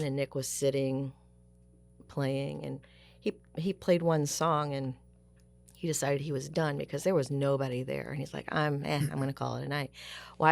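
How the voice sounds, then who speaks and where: A woman's voice: deep voice, darkish tone. A woman co-hosting a podcast, chatting casually and telling a story, laughing often. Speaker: podcast co-host.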